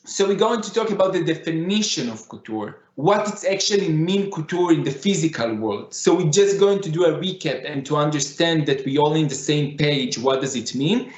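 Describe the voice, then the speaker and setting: Male conference speaker, Middle Eastern accent, non-native English, lightly raised pitch, roomy echo on the sound. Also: lively intonation, moderate pace. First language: not English. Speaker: conference speaker, digital fashion designer. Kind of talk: conference lecture. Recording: echoey room, slightly dull sound.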